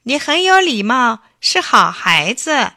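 A woman voicing a mountain echo heard as an unseen boy, repeating lines loudly in a high voice. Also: sing-song, takes it slowly, studio quality, full character voice. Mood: mimicking.

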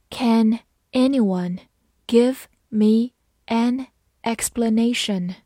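Young woman teaching english words, slow careful spelling, dry close sound. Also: on the high side, darkish tone, no echo. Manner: clear, slow spelling and drilling. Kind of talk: scripted vocabulary lesson.

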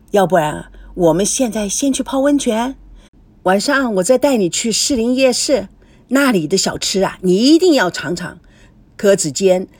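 A woman's voice: mid-range voice, a little mellow, dry recording, natural voice. A woman voicing a sleazy, flirtatious middle-aged man who talks in a sticky, wheedling way, in a dry, close recording.

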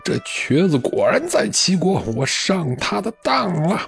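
A man voicing a scheming, two-faced ancient general in a storytelling recording, with honeyed speech that turns shrill. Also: big pitch swings, moderate pace, faint music behind. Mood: alarmed.

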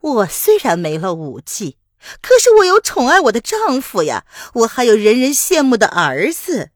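A woman's voice: on the high side, huge pitch swings, normal speed, dry recording, studio quality, voice pushed up. A woman voicing a bitter, crippled woman martial artist who jeers defiantly at her rival. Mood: taunting. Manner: scornful, jeering.

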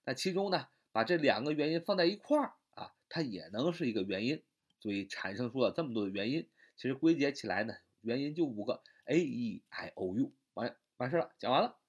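Speaking in Chinese, a man teaches English grammar step by step, repeating points and stretching out his fillers. His voice is medium-pitched with big swings in pitch.

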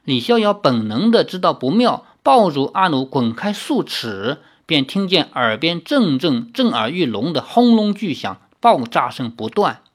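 Expressive audiobook narrator. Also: medium pitch, measured pace, few pauses. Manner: expressive, with casual asides. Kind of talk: dramatic novel reading.

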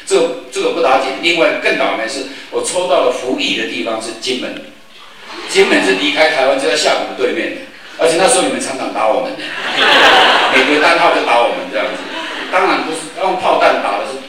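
An older man from Taiwan, speaking fast in a mid-range voice, gives a storytelling public talk as a forum speaker. He's a lively storyteller who acts out quoted voices. The recording has an echoey hall sound, a distant mic, and background noise.

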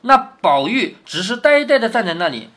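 Animated middle-aged male storyteller. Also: sits high, normal speed. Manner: animated, explaining, tag questions to the listener. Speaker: storyteller reading a classic novel. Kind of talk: reading with explanatory commentary.

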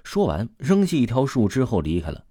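A man narrating a suspense story aloud in a lively storytelling way. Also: medium pitch, no echo, clean studio sound. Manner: lively storytelling, drawn-out particles.

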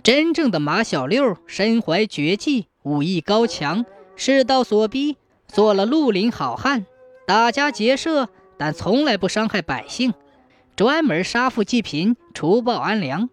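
A storyteller narrating a folk tale in a scripted, expressive manner. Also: mid-range voice, a little slow, soft background music.

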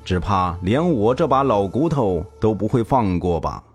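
A man voicing an aging former king who speaks flatly and with resignation. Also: lowish voice, normal speed, soft background music, natural voice. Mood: weary. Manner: flat, resigned.

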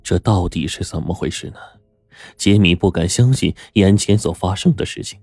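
Deep-voiced male storyteller. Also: moderate pace, no echo. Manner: lively, expressive storytelling. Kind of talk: scripted story narration. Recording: dry studio voice over faint music.

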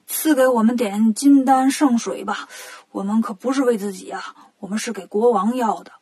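A woman voicing a greedy old male Taoist priest in a children's storybook, fawning and pleading slowly. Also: on the high side, darkish tone, breathy edge.

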